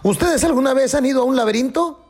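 A man's voice: very high-pitched, fast. A man telling jokes on a radio show, acting out the quoted voices. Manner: lively joke teller, acts out quoted voices. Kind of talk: joke telling on morning radio.

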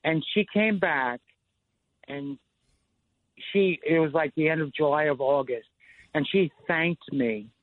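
A man's voice: a little high, a little slow, pauses often. A man in his fifties, a radio show caller on a phone line, telling a long personal story with many "you know" and "like" fillers. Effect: phone line call-in to a radio show. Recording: tinny dry phone line.

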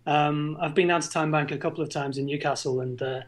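A man's voice: on the high side, steady tone, brisk. A man chatting casually as a podcast guest, in a droll, understated way. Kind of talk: casual chat.

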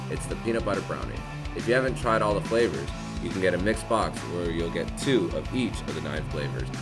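Deep-voiced man reading a podcast ad. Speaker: podcast host. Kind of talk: scripted ad read.

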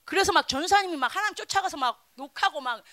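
A woman in her thirties preaching a children's sermon in a church, telling stories with sudden swings between loud and soft. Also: very high voice, expressive, fast, no echo.

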